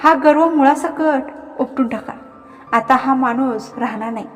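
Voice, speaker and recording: Fierce vengeful man, voiced by a woman, commanding, menacing, echoey room, soft music. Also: high-pitched, unhurried. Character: fierce vengeful young husband, powerful man. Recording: reverberant, faint background music.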